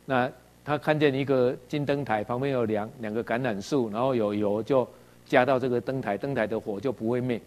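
A man's voice: medium pitch, brisk, darkish tone. A man from Taiwan with a Taiwanese Mandarin accent, preaching a sermon and often tagging lines with "ha" while asking his listeners questions. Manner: tags sentences with "ha" and asks the audience questions; acts out quoted dialogue in varied voices.

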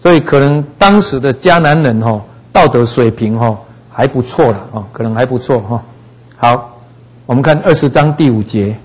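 A man teaching a Bible passage in a relaxed, conversational way, dropping frequent little fillers. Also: mid-range voice, normal speed, husky, poor audio. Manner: conversational, frequent "哈" fillers, acts out voices in quotes.

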